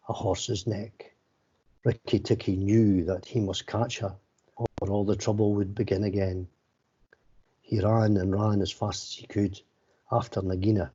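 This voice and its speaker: A man narrates a bedtime story, reading aloud stiffly in a fairly low, flat voice. The tone is a little husky, and the recording sounds slightly dull.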